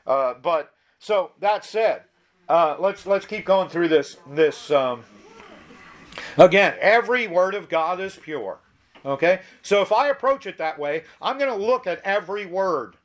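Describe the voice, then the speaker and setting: Reading Bible verses aloud, a man with a slightly high voice preaches and explains them. His delivery is emphatic yet conversational, with frequent restarts.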